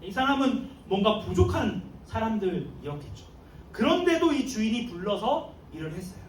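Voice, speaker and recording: High-voiced animated youth pastor. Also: male voice, normal speed, a little hiss or hum. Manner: animated, storytelling with youth slang and chuckles. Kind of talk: youth sermon. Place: church sanctuary. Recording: echoey room, mic far off.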